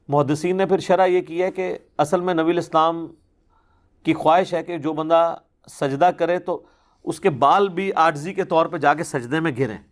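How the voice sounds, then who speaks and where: Man explaining religious rulings, slightly high voice. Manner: conversational, explains patiently with examples. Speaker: Islamic scholar answering questions.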